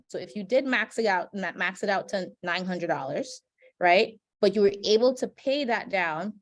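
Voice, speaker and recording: Woman from trinidad walking people thru credit stuff on a webinar, keeps saying right?, video call sound. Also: mid-range voice. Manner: explanatory, peppered with "right?" and "um". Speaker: financial educator. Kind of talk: webinar presentation.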